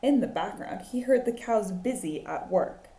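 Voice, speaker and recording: Woman, schoolteacher, storybook narration for children, unhurried, expressive, soft mellow tone, echoey room. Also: medium pitch. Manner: deliberate, expressive, with drawn-out phrases. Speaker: teacher reading aloud to children. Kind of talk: storybook read-aloud for young children. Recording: roomy echo on the voice.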